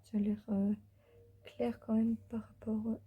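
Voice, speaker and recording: A tired woman whispering softly through a casual beauty unboxing vlog from the floor of her bedroom. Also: a little high, little pitch movement, unhurried, slightly rough, phone-quality sound. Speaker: beauty vlogger.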